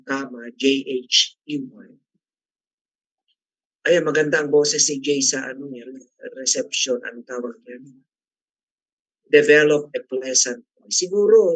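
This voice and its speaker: A middle-aged man with a medium-pitched voice leads a casual class discussion as its facilitator, chatty and teasing, frequently putting questions to the group. There's no echo, but the audio quality is poor.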